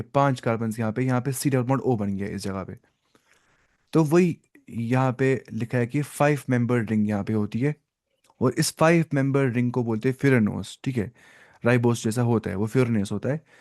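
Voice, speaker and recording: A man teaching biology in an online lecture, mixing Hindi and English, slowly explaining and asking questions he answers himself. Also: medium pitch, darkish tone. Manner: asks the class questions and answers them himself, repeats "ठीक है"; slow, stop-start explaining with fillers.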